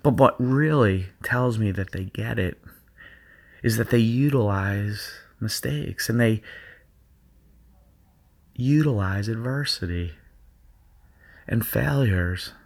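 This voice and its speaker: A man with a low, gravelly voice leads a guided visualization for athletes. He speaks in a slow, soothing, hypnotic rhythm and keeps repeating phrases so they settle in. The pitch sits low and a rough fry runs through his words. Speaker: sports performance coach.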